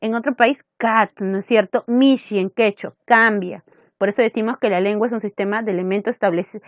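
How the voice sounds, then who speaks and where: A woman's voice: fairly high pitch, dry recording, lo-fi sound. Peruvian woman teacher asking questions. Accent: Peruvian Spanish. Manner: asks questions and answers them herself. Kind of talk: recorded classroom lesson.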